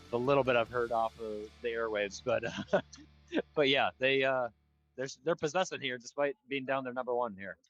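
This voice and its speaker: An American man giving relaxed color commentary on a floor hockey game, chatty with fillers and restarts. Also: mid-range voice, poor audio. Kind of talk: amateur live sports commentary.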